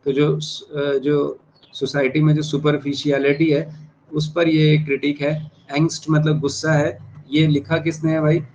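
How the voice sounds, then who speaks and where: Man tutoring in a flat, level tone. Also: on the high side. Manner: repeats key terms slowly, spells words out letter by letter. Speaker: English exam tutor. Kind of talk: explaining exam answers to students. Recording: dull lo-fi sound with faint noise.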